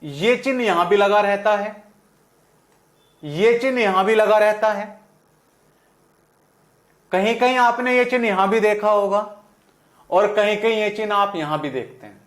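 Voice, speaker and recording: A man with a western Uttar Pradesh accent teaches Hindi, asking questions and answering them himself. His voice sits high for a man. The sound echoes around a classroom. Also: unhurried, pauses often, a bit bright. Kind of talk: classroom lesson.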